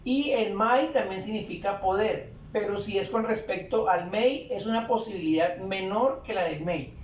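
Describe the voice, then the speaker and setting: A man teaching English grammar in Spanish, explaining slowly and repeating phrases as he writes on a board. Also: high voice, recorded from a distance, a little hiss or hum. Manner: slow, repeats phrases while writing. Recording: echoey room, voice away from mic.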